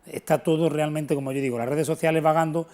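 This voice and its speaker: In this unscripted television interview, a middle-aged local historian from Antequera in southern Spain answers in an earnest, explanatory and emphatic way. His pitch is on the high side, his intonation fairly even, his pace fast, and his tone a little mellow.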